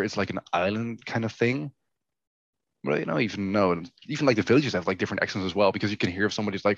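A young Dutch man speaks English with a Dutch accent, casually rambling and restarting his sentences. His voice sits very low. The sound is dry and a little dull, as from a modest mic. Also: dry recording. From Netherlands. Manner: relaxed, rambling, many fillers and restarts. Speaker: guest. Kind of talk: casual interview chat.

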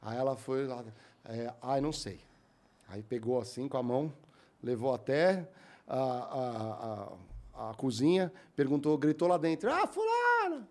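The young Brazilian podcast host here talks in an unhurried, mid-range voice with a Brazilian Portuguese accent. He casually recounts a lengthy everyday story, bringing it to life by acting out what other people said.

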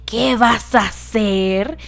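A woman's voice: medium pitch, extremely slow, vocal fry. A woman doing a bossy commanding Edna Moda. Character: bossy tiny older woman fashion designer from a cartoon film.

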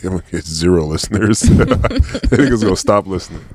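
A man's voice: sits low, big pitch swings, moderate pace, heavy background noise. A man hosting a podcast, from San Francisco, joking and teasing his co-host in blunt casual chat.

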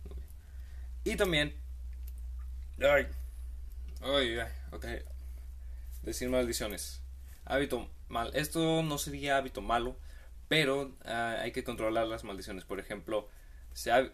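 A man's voice: mid-range voice, unhurried, pauses often, fairly bright tone. A man hosting a comedic monologue, giving rambling, slangy advice with playful asides.

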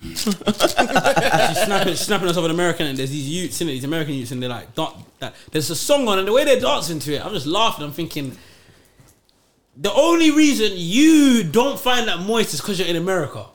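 A man's voice: high voice, big pitch swings, fairly quick. A young man with a London roadman accent, debating in slangy, questioning casual chat with friends. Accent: London, urban roadman slang style. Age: young adult.

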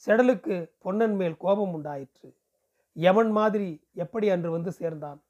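A man from Puducherry narrating a novel aloud. His voice sits high for a man, and he reads with a steady, expressive pace. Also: normal speed, muffled recording. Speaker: audiobook reader.

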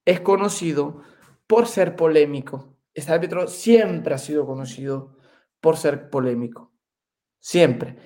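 Male podcast co-host, excitable casual talker, a bit high-pitched, restarts a lot. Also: measured pace. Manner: excitable, repeats words while searching for them. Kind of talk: casual chat.

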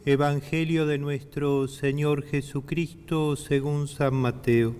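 A man reading the gospel at Mass as priest, solemn and even, in a long church reverb. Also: on the high side, a little hiss or hum. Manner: slow, even, solemn delivery. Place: large church.

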